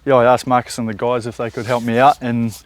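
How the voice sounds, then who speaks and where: A man's voice: mid-range voice, flat delivery, fast, no room sound. A man with a New Zealand accent, talking informally and plainly as a homeowner on a renovation show. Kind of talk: casual chat to camera.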